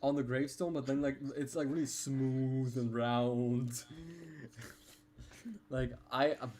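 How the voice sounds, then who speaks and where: A man's voice: medium pitch, little pitch movement, slow pace, a little mellow, slight background noise. A young man hosting a casual chat, who stumbles, repeats words and breaks into laughter easily. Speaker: podcast host.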